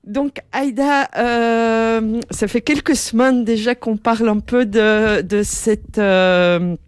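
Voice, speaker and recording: A woman's voice: on the high side, steady tone, slow pace, clean tone, no room sound. A woman hosting a radio interview, hesitant with many fillers, speaking into a headset. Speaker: radio host.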